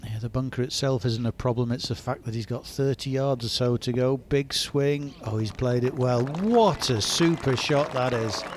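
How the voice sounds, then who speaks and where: A man's voice: medium pitch, moderate pace, few pauses, darkish tone. Male golf commentator, outdoor noise behind. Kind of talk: live golf commentary, reacting to shots.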